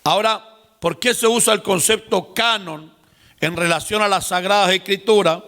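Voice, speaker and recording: A man's voice: high-pitched, moderate pace, pushed and bright, big-room sound. A man teaching a seminar class, explaining patiently and speaking directly to his listeners. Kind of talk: classroom lecture.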